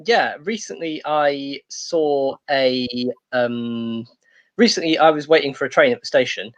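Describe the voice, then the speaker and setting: A man doing a stand-up comedy set, hesitant and rambling, with many pauses and restarts. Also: mid-range voice, fairly bright tone, dull audio.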